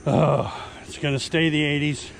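A chatty man with a slightly high voice films by the roadside, a little out of breath as he talks. He jokes with playful exaggeration in a casual vlog style, with light traffic noise behind him. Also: level tone, normal speed, gravelly. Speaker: support crew for a runner. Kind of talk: casual outdoor vlog narration.

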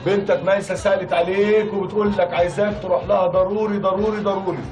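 A cheeky Egyptian office helper played by a man talks high and sing-song. He sounds a little off-mic in an echoey room, with music behind. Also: level tone, fast, lightly acted. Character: chatty office helper humming love songs.

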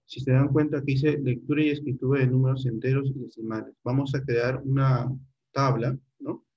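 A man's voice: medium pitch, flat delivery, brisk, breathy edge, dull audio. A middle-aged man teaching a computer class online, guiding students step by step and checking in often.

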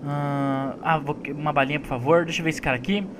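A man with a Brazilian Portuguese accent, role-playing a flight attendant in a joking, rapid game session, slipping into passenger voices. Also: on the high side, fairly even intonation, noisy background. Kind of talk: playful game role-play.

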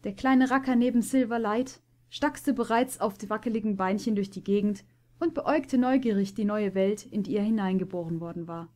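A woman narrating a storybook as an audiobook reader, with an expressive, lively delivery. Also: medium pitch, moderate pace.

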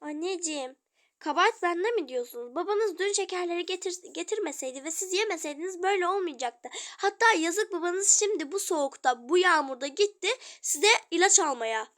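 A woman's voice: very high voice, lively intonation, quick pace, a bit bright. A young woman voicing a fussy, caring mother in a toy role-play game, coaxing and scolding her sulky children.

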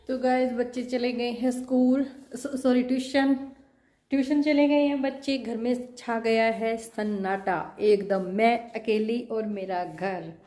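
High-voiced woman chatting at home. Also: dark tone. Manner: chatty, scolds her child playfully. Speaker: home vlogger and mother. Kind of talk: casual chat to viewers. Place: home kitchen. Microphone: phone camera.

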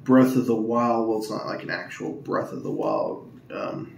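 A man speaks in a low, hushed monotone as he opens card packs at home, trailing off into ums and uhs. His voice bounces around a reverberant room over a faint hiss of ambient noise. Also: normal speed, vocal fry. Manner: monotone, hushed tone to avoid waking others; rambling with many ums and uhs. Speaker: Pokemon card opening YouTuber. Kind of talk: casual hushed pack-opening vlog. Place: at home indoors.

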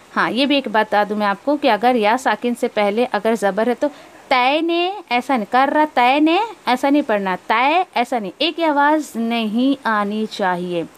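Speaking in a high pitch, this tajweed teacher lays out each rule and follows with slow recitation of verses. She mixes in English terms and points out incorrect pronunciations.

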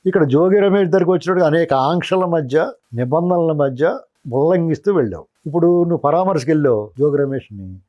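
A man's voice: a little high, animated, brisk, muffled recording. A man giving heated political commentary as an analyst, scolding a politician directly.

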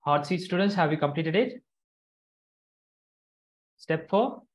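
Taking things slowly and speaking expressively at medium pitch, a teacher explains a craft to children during a live online lesson. Steps are repeated and understanding checked, while the video call audio comes through dull and lo-fi.

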